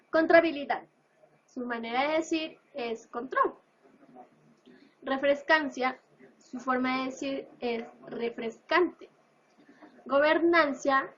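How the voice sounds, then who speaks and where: High-voiced woman reading a lesson. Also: a bit bright. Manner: reads examples in a list-like cadence. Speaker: student presenter. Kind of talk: reading a school presentation. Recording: dull lo-fi recording.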